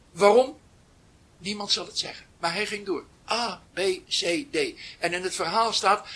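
A man giving a reflective spiritual talk, telling a story slowly with long pauses, often dropping to near whispers, then rising with emphasis. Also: high voice, bright, forceful tone, breathy edge. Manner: slow, pausing delivery. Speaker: spiritual teacher.

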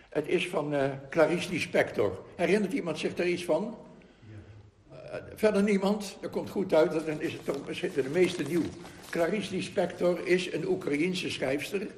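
Man, spiritual teacher, reflective read-aloud talk, pausing, tag questions, higher voice, echoey hall. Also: a little hiss or hum. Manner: slow, earnest, with frequent pauses and tag questions. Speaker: spiritual teacher addressing a group. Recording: roomy hall echo.

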